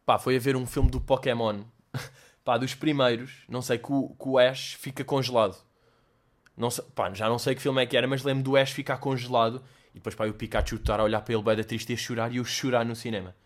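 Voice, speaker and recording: A young man with a European Portuguese accent hosts a casual chat, answering listener questions in an animated way, swearing and slipping in English slang. His voice is mid-range and he talks fast.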